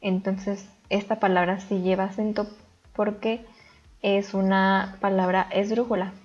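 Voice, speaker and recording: Steady woman teacher, lo-fi voice-over. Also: medium pitch, measured pace. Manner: calm, step-by-step explaining. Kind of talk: recorded grammar lesson.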